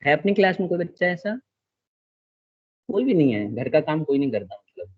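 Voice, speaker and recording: Patient male teacher, slightly high voice. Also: sing-song, normal speed, lo-fi sound. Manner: patient, checks understanding often, mixes in English terms. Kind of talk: classroom lecture.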